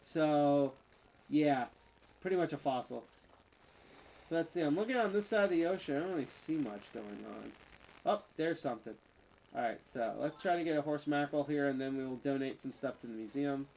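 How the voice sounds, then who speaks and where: At a normal speed, the streamer speaks in a darkish, mid-range voice over slight background noise on a rough recording. A bit tipsy, they keep chatting and joking through the game, trailing off and starting again.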